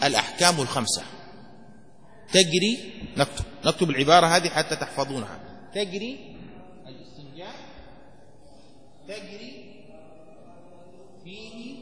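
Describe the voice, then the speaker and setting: A man's voice: high voice, a bit bright, long reverb tail. A man teaching a classroom lesson on jurisprudence, posing questions and answering them himself, and repeating key phrases for students to memorize. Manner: dictates phrases slowly word by word. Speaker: sheikh teaching Shafi'i jurisprudence.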